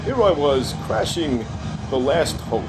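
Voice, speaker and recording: A man's voice: mid-range voice, sing-song, measured pace, very noisy. An older man giving comic narration over videos in a grumpy, folksy, complaining way with dry exaggeration. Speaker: comic commentator. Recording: music behind the voice.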